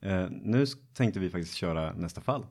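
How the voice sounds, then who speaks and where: Male podcast host, very low voice, relaxed and hesitant while walking through a case. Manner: relaxed, hesitant with many fillers. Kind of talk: casual podcast case teaching.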